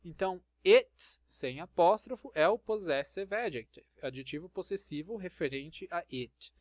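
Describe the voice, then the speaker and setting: A man's voice: high voice, animated, normal speed, no echo. A man with a Brazilian Portuguese accent, patiently explaining English grammar and often checking with "tá?" and "ok?". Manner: patient, checks understanding with frequent "tá?" and "ok?". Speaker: English teacher. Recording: dull lo-fi sound, dry.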